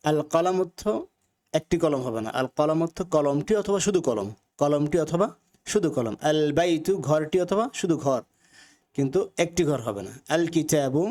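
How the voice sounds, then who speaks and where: Patient man drilling grammar slowly. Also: medium pitch, a little mellow. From Bangladesh. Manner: slow, careful drilling of Arabic words with Bengali meanings; repeats phrases for learners to follow. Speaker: Arabic grammar teacher. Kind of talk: recorded online lesson.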